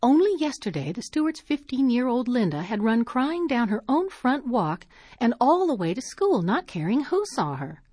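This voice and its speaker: Breathy woman reading a story aloud. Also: a little high, very animated, normal speed, a little mellow, dry recording, clean studio sound. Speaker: narrator.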